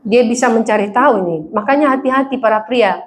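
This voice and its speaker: A woman's voice: a little high, fast, noisy background. A woman pastor preaching a sermon in a church, telling funny stories and acting out the voices of people she quotes.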